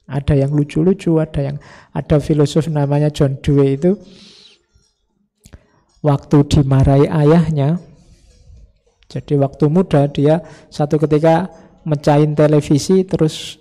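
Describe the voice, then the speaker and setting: A man talks through philosophy in a folksy, joking lecture, slipping into little acted quotes. His voice sits a touch high for a man, with a mellow, dark color and a gravelly edge. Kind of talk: informal religious study lecture.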